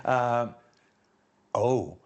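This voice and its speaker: A man's voice: mid-range voice, very slow. Stammering chatty male host. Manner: chatty, stammers and repeats words. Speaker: livestream host. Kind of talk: casual panel chat.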